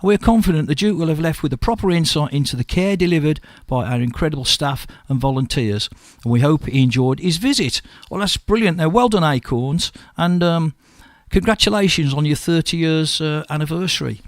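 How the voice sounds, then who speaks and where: A man hosting a local radio show from the studio, with a West Midlands English accent, croaky from a cold, chatting and reading news items with slips and restarts. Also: a little high, fairly quick, few pauses, no echo. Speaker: radio host.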